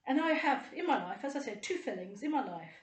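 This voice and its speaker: A woman's voice: sits high, expressive, a little fast, echoey room. A middle-aged woman, delivering an indignant, rambling and sarcastic monologue to camera. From United Kingdom. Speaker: vlogger.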